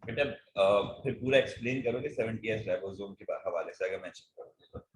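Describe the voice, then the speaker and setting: A man's voice: on the low side, brisk. A man teaching biology, patiently walking students through past-paper questions in mixed Hindi and English. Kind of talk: online past-paper lesson.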